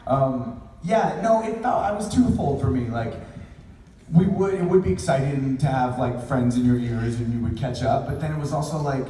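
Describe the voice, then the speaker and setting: A man's voice: medium pitch, lively intonation, moderate pace, mellow, a little hiss or hum. A male voice actor chatting reflectively on a convention panel, rambling through his explanations. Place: large convention panel hall. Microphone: panel mic through hall speakers, caught on a phone in the audience. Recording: echoey hall, phone from far off.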